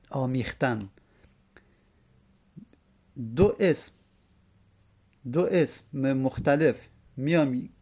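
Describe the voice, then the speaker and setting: A man teaching a grammar lesson, explaining patiently and repeating each example slowly. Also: on the high side, a little mellow.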